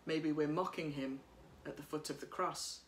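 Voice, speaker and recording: A woman priest giving a sermon at home, speaking in a gentle, reflective way while reading from notes, recorded by a camera across a room. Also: low voice, steady tone, moderate pace, echoey room, slight background noise. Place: living room by a bright window.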